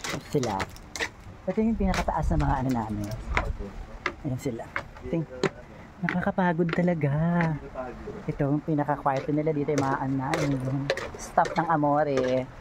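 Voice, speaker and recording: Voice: mid-range voice, normal speed, pauses often, heavy background noise. A vlogger with a Filipino accent, chatting through a casual travel vlog, playful and exclaiming, often out of breath.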